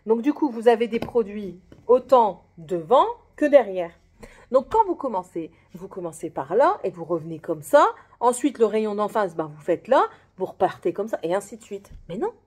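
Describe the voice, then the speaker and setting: A young woman with a husky voice, telling a story about her coworker in a casual vlog, full of quoted dialogue. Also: mid-range voice, normal speed. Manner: animated, retelling a workplace story with quoted dialogue. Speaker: vlogger.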